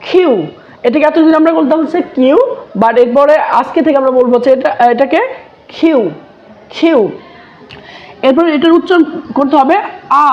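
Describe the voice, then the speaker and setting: An English teacher with a high voice, its highs cut off, teaches letter sounds slowly in a lesson. She says each sound twice, then asks her own questions and answers them.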